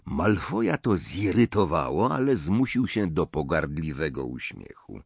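Lively, low-voiced male storyteller. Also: a little slow, creaky, slightly rough, no echo. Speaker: audiobook narrator. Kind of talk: storybook narration.

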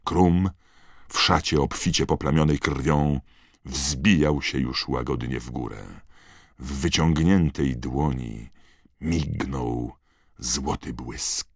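A man reading a novel aloud in steady, measured narration. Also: very deep voice, no room sound, clean studio sound. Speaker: audiobook narrator. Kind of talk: scripted narration.

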